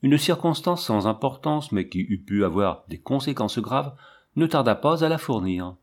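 A man reading a novel aloud with measured, steady storytelling delivery. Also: mid-range voice. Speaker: audiobook reader. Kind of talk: scripted narration of a novel.

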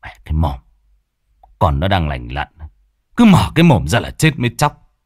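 Man as a gruff older father, short-fused, lower and harsh, horror story. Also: wildly swooping pitch, moderate pace, no room sound, clean studio sound, full character voice. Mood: angry. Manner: gruff, scolding. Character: gruff hot-tempered old father.

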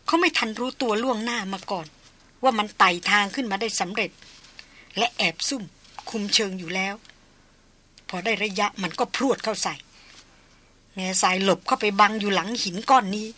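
Veteran male hunter, grief held back, quiet choked delivery, voiced by a woman. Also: mid-range voice, moderate pace, long pauses, slight background noise, close to an everyday voice. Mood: grave restrained. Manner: subdued, polite, choked. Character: grieving veteran male hunter, hoarse and restrained.

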